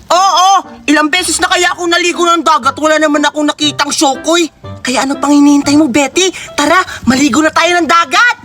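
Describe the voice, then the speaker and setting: A woman's voice: sits high, steady tone, a little fast, sharp tone. A woman voicing a bold, playful little boy who talks eagerly and persuasively. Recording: clear background music.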